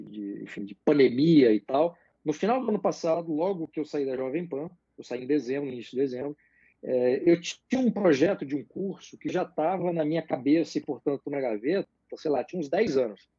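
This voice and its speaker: Man, higher-pitched, husky, measured and hesitant, dull muffled audio. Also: lively intonation, warm tone, no room sound. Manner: measured, hesitant, many fillers. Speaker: political commentator guest. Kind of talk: live interview chat.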